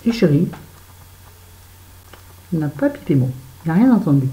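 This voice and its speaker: A woman with a low, sing-song voice talks at a normal pace, sounding roomy with the highs cut off. She's a vlogger in her bedroom, chatting to viewers and swearing freely as she tells a story while doing her make-up.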